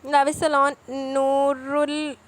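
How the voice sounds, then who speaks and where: A woman's voice: sits high, little pitch movement, slow pace. A woman who hosts a novel-reading channel, reading out viewer comments and answering each one in casual chat.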